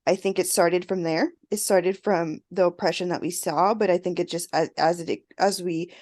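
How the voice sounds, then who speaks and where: A woman therapist co-hosting a podcast in casual chat, a bit hoarse and clearing her throat as she loses her voice. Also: lowish voice, steady tone, moderate pace, a little mellow. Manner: conversational, reflective.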